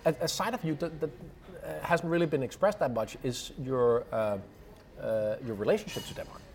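A man's voice: fairly high pitch, normal speed, a little mellow. Hesitant man hosting over lunch. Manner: hesitant, many uhs and repeated words. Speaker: podcast host. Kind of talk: casual interview over lunch.

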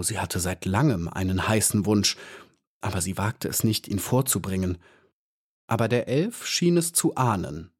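A man reading a children's audiobook in a measured storytelling manner. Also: lowish voice. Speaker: audiobook narrator.

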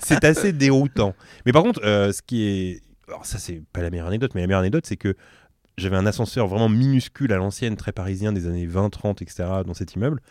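A man's voice: fairly low pitch, quick pace, a little mellow, no room sound, studio quality. A man hosting a podcast, chatting casually and telling stories, laughing often. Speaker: podcast host. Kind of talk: casual chat.

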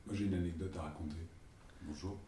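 A man with a very low voice tells a casual anecdote at a quick clip. He sits set back from the mic in an echoey room, with faint ambient noise around him. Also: steady tone, recorded from a distance, a crowd in the background. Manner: quick storytelling. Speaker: film assistant telling an anecdote.

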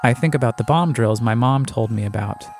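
A man from the United States narrating a scripted first-person audio essay in a reflective, deliberate way. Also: medium pitch. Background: music.

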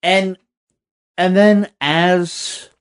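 A man's voice: sits high, steady tone, drawn-out words, smooth. A man co-hosting a podcast, chatting in a blunt, sweary way and repeatedly restarting his phrases. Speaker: podcast co-host. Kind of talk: casual storytelling chat.

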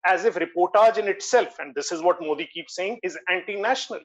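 A man's voice: sits high, brisk, fairly bright tone. An Indian-accented man speaking emphatically as a guest in an earnest panel discussion, repeating phrases for stress. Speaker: magazine editor, guest. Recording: dull, lo-fi voice link.

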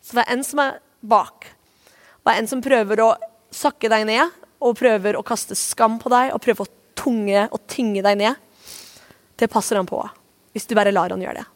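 A woman pastor giving a sermon, earnest and repeating short phrases for emphasis, then leading a spoken prayer. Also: a little high.

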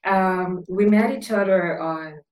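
Speaking slowly in a lowish voice, this podcast host from the Dutch Caribbean chats casually and thoughtfully in her island accent, filling her speech with plenty of fillers.

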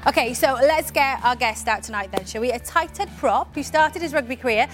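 A woman's voice: sits high, brisk, a bit bright, faint music behind. A Welsh woman presenting a sports show, chatty and laughing often as she interviews a guest. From Wales. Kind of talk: studio interview.

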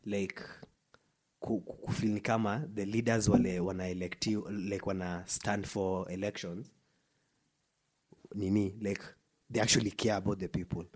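A man with a husky voice and a Kenyan accent talks casually and emphatically, mixing English with Swahili slang and often restarting and repeating himself. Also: on the low side, fairly even intonation, normal speed. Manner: emphatic, stop-start delivery with repetition. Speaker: podcast co-host.

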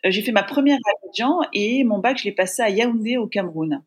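A woman who grew up across francophone Africa answers interview questions in a warm, reflective way. She thinks aloud as she speaks, and her voice sits at a mid pitch for a woman. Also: lively intonation, fairly quick, breathy edge. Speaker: podcast guest, TV presenter. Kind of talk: casual remote interview.

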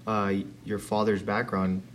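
A man's voice: fairly low pitch, flat delivery, measured pace, a bit bright, slight background noise. A man asking questions in a casual, easygoing interview.

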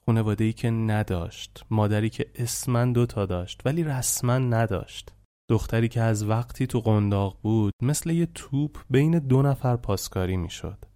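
A man's voice: fairly low pitch, dark tone. A man narrating a true story he was told, in a colloquial, reflective storytelling manner.

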